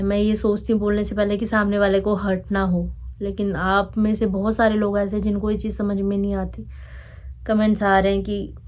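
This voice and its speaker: A woman's voice: medium pitch, a little mellow. A young woman vlogger who is unwell, speaking to camera in an upset, indignant way and addressing commenters directly. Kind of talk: emotional vlog talk to camera.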